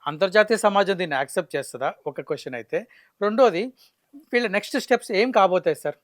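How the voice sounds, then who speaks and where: A male interviewer with a Telugu accent asks his guest long, polite questions. His voice sits a little high for a man. The recording is dry and close. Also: expressive, fast talker, dry recording. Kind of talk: studio interview.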